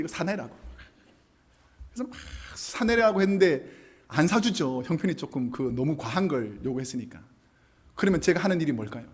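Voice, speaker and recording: A man's voice: on the high side, slightly rough. A man preaching a sermon, telling stories with animation and acting out what people said. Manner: animated storytelling, acting out quoted lines. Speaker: pastor.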